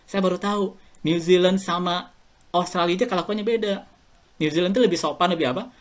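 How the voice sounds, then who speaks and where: A man's voice: high voice, a little fast. A middle-aged Indonesian man, a guest in a casual podcast interview, telling anecdotes and chuckling as he talks. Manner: chatty and anecdotal, chuckles while talking. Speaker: guest alumnus.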